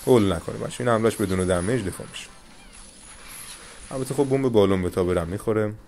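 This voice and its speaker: Low-voiced man coaching through a mobile game. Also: gravelly, slight background noise. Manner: coaching viewers, calm reassurance. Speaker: gaming channel host. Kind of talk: live gameplay commentary with tips.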